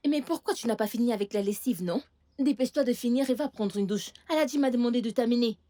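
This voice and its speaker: A woman's voice: fairly high pitch, quick pace, dark tone, lightly acted. A woman playing a bossy scheming aunt. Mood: scolding. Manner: scolding and bossy, then falsely soothing. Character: sharp-tongued scheming aunt, woman, adult. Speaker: aunt and guardian. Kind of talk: French dub of a film.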